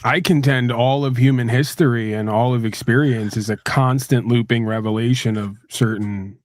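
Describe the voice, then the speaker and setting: A man's voice: mid-range voice, fairly even intonation, normal speed, no echo. Reflective man with a dry, close sound. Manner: reflective, often checks with "right?". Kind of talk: philosophical casual discussion.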